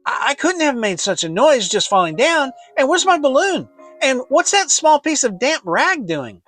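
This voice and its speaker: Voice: sits high, sing-song, normal speed, fairly bright tone, soft background music, pitched above the performer's own voice, full character voice. A performer voicing a small, anxious, eager piglet in a children's storybook, fretful and earnest with a stammer. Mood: puzzled.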